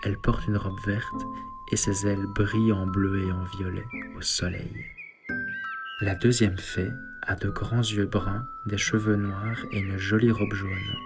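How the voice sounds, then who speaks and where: A man leading a guided sleep meditation and bedtime story, speaking softly and calmly. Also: on the low side. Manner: slow, soft, calm guiding delivery. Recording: soft ambient synth music underneath.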